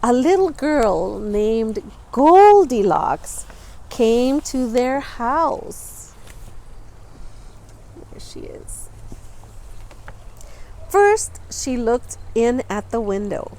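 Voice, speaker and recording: This storytime reader, a woman with a fairly high voice, reads a picture book to small children at an unhurried pace, her intonation lively. Like a teacher, she deliberately stresses and stretches key words, pausing for remarks about the pictures.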